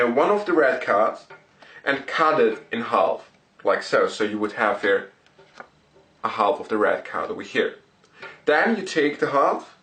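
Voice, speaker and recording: A man presenting card tricks and explaining them step by step, in deliberate, short broken phrases. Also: medium pitch, a bit bright. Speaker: magic tutorial presenter. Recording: roomy echo, distant microphone.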